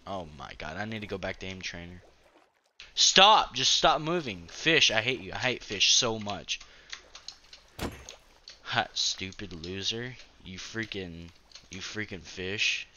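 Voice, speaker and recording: A man giving casual gameplay commentary as host of his own gaming channel, excitable and profane, trash-talking and breaking into sudden yelps. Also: sits low, unhurried, slight background noise.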